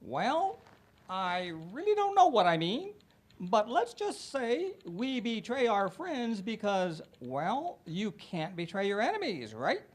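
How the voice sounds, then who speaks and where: A woman's voice: mid-range voice, very animated, slow pace, husky, exaggerated voice. A woman voicing a bumbling, overconfident male spy chief, boasting earnestly in a parody news interview. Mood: confidently clueless.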